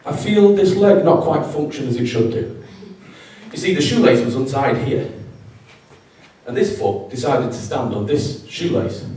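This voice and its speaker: A man's voice: mid-range voice, lively intonation, unhurried, dark tone, recorded from a distance. A man with a Yorkshire accent performing a self-mocking comic story live on stage. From Yorkshire, England. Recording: roomy live venue, from afar.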